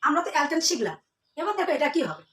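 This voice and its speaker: A woman's voice: sits high, sing-song, very fast, a bit bright, a little hiss or hum. A woman teaching a chemistry lesson to students, asking questions and then answering them herself, repeating the key terms. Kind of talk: classroom lesson. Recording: echoey room, mic at a distance.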